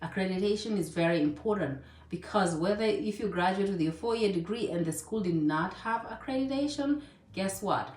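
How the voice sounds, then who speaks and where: A woman's voice: medium pitch, lively intonation, normal speed, a little mellow. A woman from Kenya giving casual advice in a chatty way, full of fillers and asides. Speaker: vlogger. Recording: echoey room, voice a bit distant.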